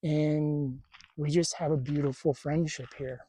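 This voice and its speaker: A man talking casually to camera at a desert campsite, halting and stuttering, with a tight, strained throat. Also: a little high, fairly even intonation, warm tone, breathy edge, no room sound. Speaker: spiritual vlogger.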